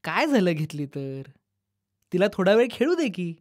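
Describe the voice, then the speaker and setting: A woman's voice: lowish voice, very animated, normal speed. A woman voicing a patient, coaxing young mother in a children's storybook reading. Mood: soothing. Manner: gentle, coaxing.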